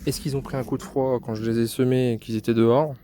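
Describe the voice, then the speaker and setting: A French man vlogs a casual tour of his vegetable garden outdoors, filming on a handheld phone while the neighbours hold a party in the background. His medium-pitched, mellow voice moves quickly with fairly even intonation. He's chatty, hesitant with lots of fillers, and self-deprecating.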